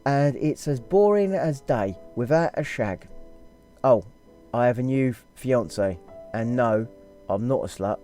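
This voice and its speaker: Brief: a man playing a coarse young sister writing home, halting put-on accent, soft dark voice over music. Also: medium pitch, animated, close to an everyday voice. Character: working-class young woman writing a letter to her sister, blunt and crude.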